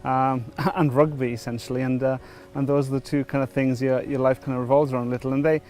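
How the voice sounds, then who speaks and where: A middle-aged Welsh man gives a personal testimony in an interview before his baptism, hesitating with many fillers and restarts. His mid-range voice is darkish and quick with little pitch movement, and faint music plays behind him.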